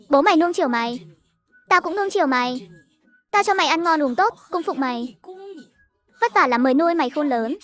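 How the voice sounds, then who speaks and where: A woman's voice: high voice, fairly bright tone. A woman voicing a fierce elderly wife who scolds her husband and son with harsh insults.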